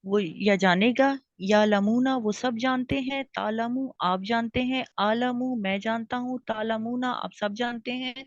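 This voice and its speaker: Brief: woman student, higher pitch, dull dry call audio. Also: no room sound. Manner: slow, careful recitation of verb forms. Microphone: video call.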